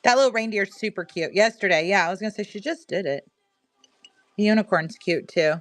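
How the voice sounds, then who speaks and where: A woman's voice: medium pitch, a little fast, no echo. A middle-aged woman with a Missouri accent, casually telling a rambling story while selling items on a livestream. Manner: chatty, rambling, reads viewer comments aloud. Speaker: livestream seller.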